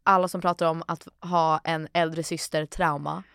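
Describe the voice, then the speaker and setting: A woman co-hosting a casual chat podcast, talking in a relaxed, chatty way. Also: low-pitched, creaky, clear, resonant tone, no room sound, studio quality. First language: Swedish. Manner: relaxed, chatty, often says "så här". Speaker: podcast co-host.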